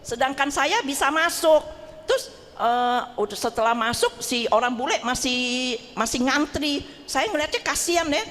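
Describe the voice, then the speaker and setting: A woman's voice: high-pitched, moderate pace, long reverb tail. A middle-aged woman telling a personal testimony in a casual, chatty way, acting out the voices in her story. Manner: chatty, animated, acts out quoted voices, laughs often. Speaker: parish group member sharing testimony. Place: church hall.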